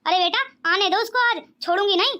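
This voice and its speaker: Lady voicing a bossy cartoon mother-in-law, very high squeaky voice, bright and scolding. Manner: scolding, quick to laugh. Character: sharp-tongued middle-aged mother-in-law. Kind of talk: cartoon voice acting.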